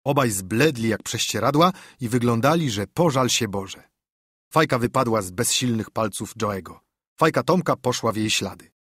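A male audiobook narrator with a slightly husky voice and an animated, rising-and-falling delivery. He reads in a measured storytelling manner, recorded dry and close. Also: medium pitch, no echo. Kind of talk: scripted narration.

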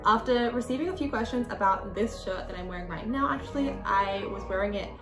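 Her mid-range voice runs a little fast over background music in a rough, reverberant recording. She's an Australian woman in her 20s hosting a casual sewing tutorial at a desk with a sewing machine in a small room, chatting and gesturing expressively.

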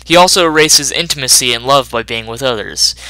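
A man reading a scripted voice-over analysis of a film in a measured, explanatory way. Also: mid-range voice, pushed and bright, clean tone, no room sound, poor audio.

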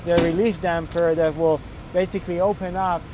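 A young man who teaches energy auditing walks through a lesson outdoors on a rooftop, speaking at normal speed in a slightly high voice with a flat delivery. His explanation is halting, filled with fillers and restarts, against faint outdoor noise.

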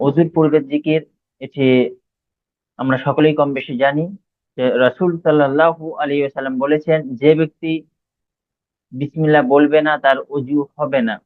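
A male religious teacher from Bangladesh gives a pronunciation lesson, stretching out each Arabic word slowly between explanations. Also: on the high side, no room sound. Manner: slow, drawn-out recitation of Arabic words between explanations. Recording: dry, phone-like lo-fi audio.

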